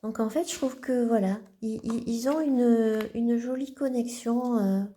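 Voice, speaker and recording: A woman vlogger casually showing her card decks, talking gently and haltingly with many restarts. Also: on the high side. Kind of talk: casual show-and-tell vlog.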